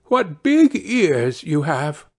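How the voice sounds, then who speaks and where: An innocent, trusting little girl from a storybook, acted out by a man, pitched up from his usual voice. The lines are earnest and polite, slowly drawn out with a wondering lilt. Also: big pitch swings, vocal fry, breathy edge, full character voice. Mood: astonished.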